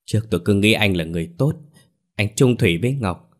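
A man's voice: lowish voice, expressive, fast, natural voice. A man voicing an indignant young woman scolding a man.

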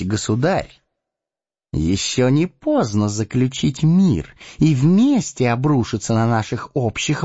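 A man's voice: mid-range voice, warm tone, breathy edge, no echo, full character voice. A man playing Saruman, a silky cunning old wizard. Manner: ingratiating, coaxing, slow and measured. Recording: dull lo-fi audiobook with faint music.

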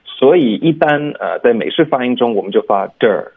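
This English teacher's voice sits in the mid range, gravelly with a breathy edge, and he speaks at an ordinary pace. Over phone-quality audio, he casually walks through pronunciation on a radio lesson, mixing in English words.

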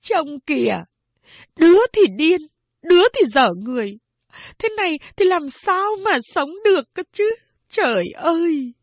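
A woman's voice: very animated, a little slow, no room sound, exaggerated voice. A woman voicing a furious, worn-out older peasant mother who screams and curses at her daughters. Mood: furious shouting. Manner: shrill scolding, wailing curses.

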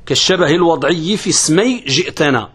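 A man's voice: fairly high pitch, expressive, a bit bright, slightly rough. A man teaching a classical grammar lesson, asking questions and answering them himself, repeating key phrases. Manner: uneven pace, stretching some words and rushing others.

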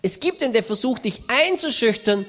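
A man, a missionary preacher giving a lively sermon with stories and raised emphasis. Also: very high-pitched, moderate pace, faint music behind. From Austria. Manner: animated, storytelling, raising voice for emphasis.

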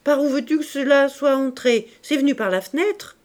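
A woman reading a coarse middle-aged woman, a brutal bandit's wife, sharp, loud and blunt. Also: sits high, moderate pace, voice pushed up, natural voice.

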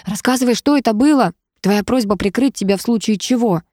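A woman voicing a chatty, teasing young female friend who talks in a quick, mocking, gossipy way. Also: fairly high pitch, darkish tone, dry recording, studio quality, voice pushed up, close to an everyday voice.

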